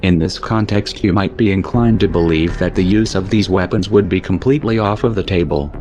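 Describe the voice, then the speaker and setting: An anonymous man narrating a scripted political message in a voice disguised to sound deep, delivered in a grim, sardonic, declamatory way. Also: fairly quick, a little mellow.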